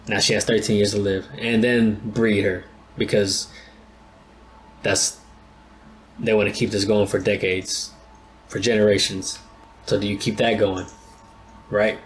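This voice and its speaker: A man's voice: lowish voice, a little hiss or hum. A man hosting an anime reaction channel, talking casually and thinking aloud in a rambling, laid-back way with many restarts.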